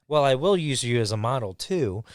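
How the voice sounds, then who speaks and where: A man hosting his own podcast in casual chat, rambling and laid-back with many restarts, sounding high. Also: lively intonation, normal speed, no room sound, studio quality. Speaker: podcast host. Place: studio.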